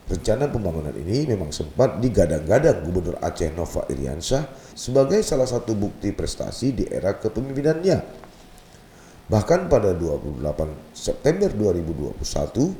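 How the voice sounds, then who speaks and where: A man's voice: low-pitched, dark tone, reverberant, a little hiss or hum. A man reading scripted news narration with a dramatic, rhetorical delivery.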